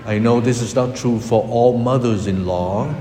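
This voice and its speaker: A man preaching a sermon as a priest, with a slow, emphatic delivery that rises and drops dramatically. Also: medium pitch, noisy background. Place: church. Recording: echoey hall with long reverb.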